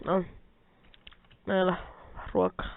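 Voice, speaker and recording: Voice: mid-range voice, big pitch swings, dry recording. A let's player giving casual gameplay commentary, rambling to themself and the viewers and swearing often as they grumble at the game. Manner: rambling, self-talking, addresses viewers. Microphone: quiet mic held close. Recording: tinny phone-like mic, dry.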